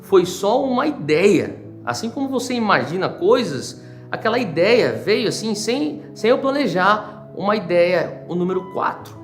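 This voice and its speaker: A Brazilian man who is a pastor, telling a personal testimony in a sermon with animated storytelling and dramatic swings. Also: high-pitched, measured pace, faint music behind. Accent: Brazilian Portuguese.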